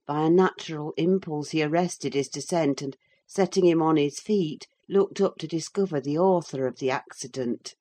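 A woman narrating a classic novel in the first person with a measured, expressive reading. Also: deep voice. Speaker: audiobook narrator.

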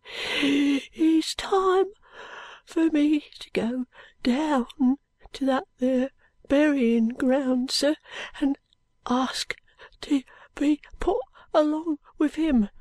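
A dying ragged street boy, weak and breathless, his voice high and thin, as a woman puts him on. He drags out each word slowly in dialect and fades into faint whispers. The recording is close and dry. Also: darkish tone, dry recording. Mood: feeble.

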